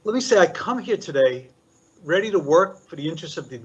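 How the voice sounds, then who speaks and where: An older man from Puerto Rico, a commissioner, speaks with a husky, slightly high voice and lively intonation. His formal prepared statement at a public meeting is measured and deliberate, laid out in listed points, and the meeting recording is dull and lo-fi.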